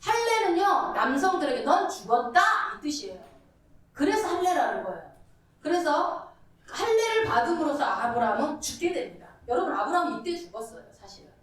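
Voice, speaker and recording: A woman preaching a lively, conversational sermon, constantly asking the congregation questions. Her voice is high and swings widely in pitch. She is heard from a distance, with heavy echo from the church hall. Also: brisk. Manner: animated, conversational, many rhetorical questions. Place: church sanctuary. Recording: echoey hall from far off.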